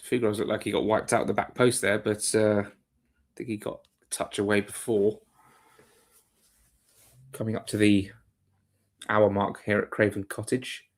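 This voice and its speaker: A man's voice: lowish voice, level tone, unhurried, pauses often. A man hosting a live football watchalong, giving chatty, rambling play-by-play with asides to his viewers. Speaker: watchalong host. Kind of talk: live match commentary and chat.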